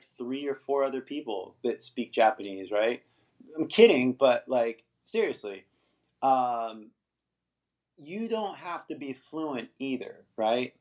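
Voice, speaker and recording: This middle-aged Los Angeles man runs a livestream teaching English, talking loosely with his audience, wandering off topic, and tacking "right?" onto what he says. He has a mid-range voice with a somewhat dark tone.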